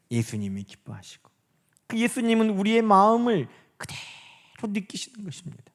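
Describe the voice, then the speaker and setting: A man preaches to his church in a high, lively voice. He keeps asking his listeners questions and answering them himself. He drops into a softer voice when he acts out quoted speech. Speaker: pastor. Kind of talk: sermon. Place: church sanctuary.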